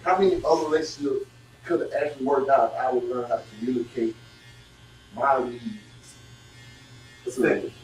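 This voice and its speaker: A man in his thirties hosting a casual group podcast chat, talking animatedly with slang and quick interjections. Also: medium pitch, fairly even intonation. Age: 30s. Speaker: podcast host. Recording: echoey room, mic at a distance, faint noise.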